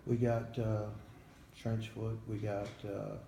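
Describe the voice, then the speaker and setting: Gravelly old American veteran remembering. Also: male voice, fairly low pitch, monotone, warm tone. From United States. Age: 70s or older. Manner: old veteran remembering, halting and plain-spoken. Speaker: Vietnam-era army veteran being interviewed. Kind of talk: veteran interview, recalling memories. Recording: echoey room, faint background noise.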